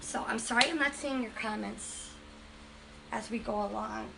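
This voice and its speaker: With a cold making her a bit congested, a woman from Western Massachusetts enthusiastically chats through a casual livestream demo on finishing furniture. Her slightly high voice is creaky and at normal speed, with background noise audible.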